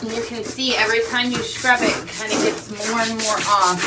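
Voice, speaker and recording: A woman's voice: a little high, fairly even intonation, brisk, far from the mic, very noisy. A young woman vlogging casually at home, chatting as she walks viewers through her bathroom while decluttering and cleaning.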